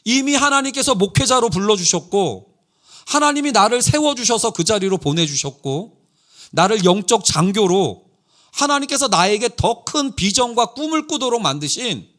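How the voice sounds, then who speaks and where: A middle-aged man preaching a sermon in a church, telling stories with lively quoted dialogue. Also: high voice, normal speed. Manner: animated storytelling with quoted dialogue. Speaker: pastor. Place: church sanctuary.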